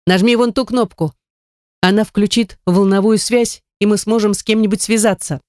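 A woman narrator voicing a small, panicky female alien pilot girl who shouts in a high, excited voice. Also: normal speed, dry recording, clean studio sound, lightly acted. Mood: eager.

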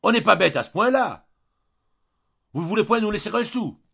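A man's voice: medium pitch, very animated, unhurried, vocal fry, breathy edge, lo-fi sound, voice pushed up, full character voice. Man doing a furious, bellowing young husband. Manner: loud, outraged shouting. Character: indignant young husband, greedy, shouting.

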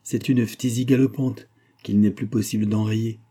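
A man's voice: on the low side, fairly even intonation, normal speed, mellow, natural voice. A man reading as a grave, blunt old doctor. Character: grave older male doctor, blunt but calm.

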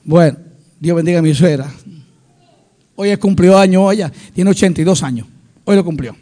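A middle-aged male pastor preaching with passion, swinging between loud declarations and hushed asides. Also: extremely high pitch. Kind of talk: sermon.

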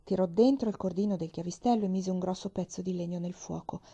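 Warm-voiced woman reading a story aloud. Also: on the low side, fast, slightly rough, highs cut off. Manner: expressive, drops to whispers. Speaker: reader. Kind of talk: audiobook narration.

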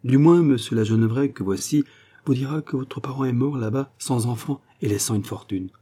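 A man voicing a discreet small-town lawyer who speaks in a measured, hushed way. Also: medium pitch, close to an everyday voice.

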